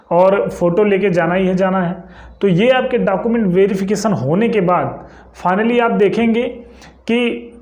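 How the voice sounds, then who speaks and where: Speaking casually to his YouTube audience about exam information, this young man has a high-sitting voice with a somewhat dark tone. He often pauses on quick check-in tags to make sure viewers follow, recorded in an echoey room.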